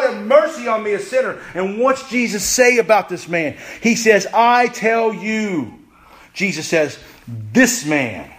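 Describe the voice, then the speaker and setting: A male pastor delivers a sermon in a fairly high voice. He is emphatic and repeats key phrases. His pace swings between quick bursts and slow, weighty lines.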